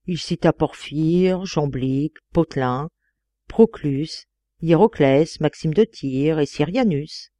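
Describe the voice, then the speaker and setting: Slow, expressive woman audiobook reader. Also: deep voice, no room sound. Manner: deliberate, expressive reading. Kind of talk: literary audiobook narration.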